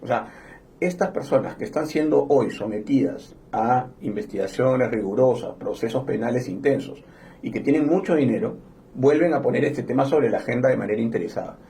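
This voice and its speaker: A man from Honduras speaking as a guest on a discussion podcast, explaining in a measured way with some hesitations. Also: mid-range voice, warm tone, slight background noise. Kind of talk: conversational panel discussion.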